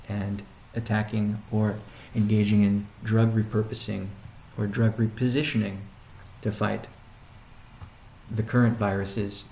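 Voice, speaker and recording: A company CEO hosts a weekly conference call, answering questions in a halting, deliberate business briefing full of pauses and restatements. His lowish, darkish voice has vocal fry, and the roomy, echoing recording carries a little hiss or hum.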